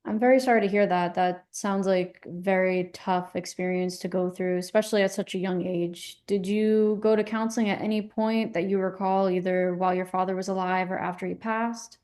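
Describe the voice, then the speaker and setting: A woman playing a calm, validating couples therapist in a counselling role-play, asking gently probing questions in a measured way. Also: on the low side, close to an everyday voice. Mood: calm, reassuring.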